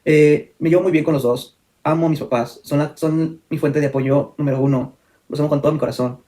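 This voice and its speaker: A man's voice: fairly high pitch, fairly even intonation, a little fast, dark tone. A young man telling a personal story in a candid vlog, full of fillers and self-corrections. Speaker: vlogger.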